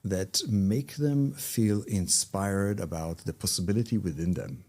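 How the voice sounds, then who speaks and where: A man with an Israeli accent, a workshop trainer guesting on an interview podcast, telling stories animatedly and acting out quotes. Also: measured pace. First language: Hebrew. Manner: lively, swings pitch widely, acts out quotes.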